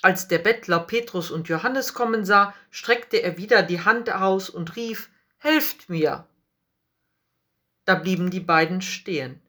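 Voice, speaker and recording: A woman narrating a children's Bible story in a gentle, deliberate storytelling manner. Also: on the low side.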